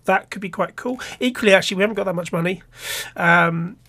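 Talking fast in a high, pushed, bright voice, a let's play host with a cold narrates his gameplay casually. His stuffy nose gives him a slightly nasal sound, and he thinks aloud with frequent restarts.

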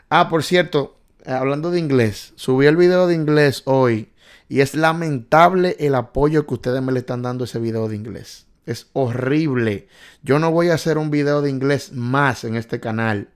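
A man's voice: mid-range voice, moderate pace, clean tone. A man hosting a casual live stream, quizzing viewers on driving test questions and reading their answers aloud. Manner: excitable, reads out viewers' answers, jokes and scolds.

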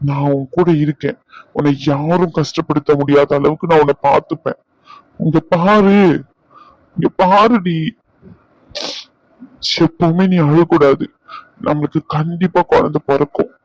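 A man's voice: on the high side, steady tone, measured pace, long pauses, darkish tone, no room sound. A man, pleading and comforting his wife in a couple vlog, repeating himself. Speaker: husband, vlogger. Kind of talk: emotional couple vlog talk. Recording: dull lo-fi recording.

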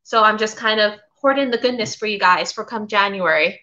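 A middle-aged Florida woman, a vintage seller, hosts a casual live haul stream from her home kitchen, rambling and reading viewer comments aloud. Her medium-pitched voice is bright and forceful and fairly quick. The desk webcam gives slightly dull, lo-fi audio.

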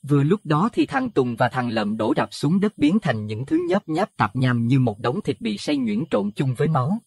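A man narrating a Buddhist horror audio story in an expressive, dramatic way. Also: fairly high pitch, moderate pace, vocal fry, husky, no echo, clean studio sound. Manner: expressive, rising to alarm at scary moments.

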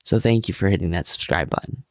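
A young man with a fairly low voice hosts a podcast in a friendly, casual way. He asks questions with easy fillers. The sound is close and dry. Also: lively intonation, fast, dry recording. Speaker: podcast host. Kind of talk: casual interviewing.

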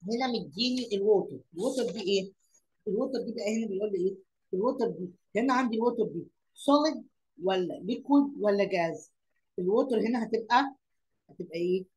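A woman's voice: mid-range voice, fast talker, a little mellow, poor audio. A woman with an Egyptian Arabic accent teaching young pupils. She repeats words, asks questions aloud and mixes English lesson words into her Arabic explanations.

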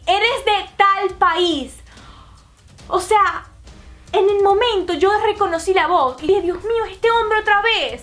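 A young adult woman telling a personal story to her viewers in a vlog, talking quickly and filling her sentences with little connecting fillers. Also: very high voice, fairly bright tone. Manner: fast storytelling with many fillers. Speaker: YouTuber.

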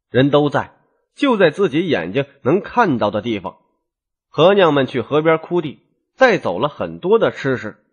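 A man narrating a long audiobook novel in a lively, expressive storytelling style. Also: on the high side, breathy edge.

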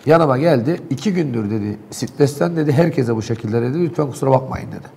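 A man's voice: medium pitch, animated, quick pace, creaky, dark tone, husky. A man in a local TV studio, animatedly and indignantly recounting events in heated talk.

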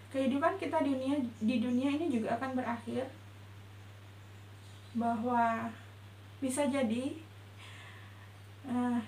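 A woman with a high voice gives a gentle, measured religious talk in a roomy indoor space. A faint hum sits under her voice, and the sound has some echo. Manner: gentle, reflective, measured delivery. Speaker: religious teacher. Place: indoor room before a patterned cloth backdrop.

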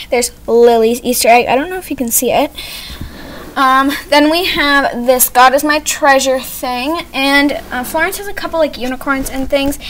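Hosting a home tour for her doll video channel, a young female vlogger rambles casually in a small indoor playroom, correcting herself as she goes. She has a high, fairly bright voice, captured in poor-quality amateur camera audio with clear background noise.

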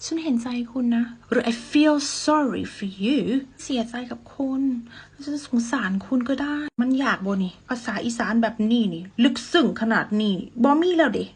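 A woman teaching common phrases in a casual, playful lesson, slowly drawing out the example sentences. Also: on the high side, lively intonation, slightly rough. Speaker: language teacher.

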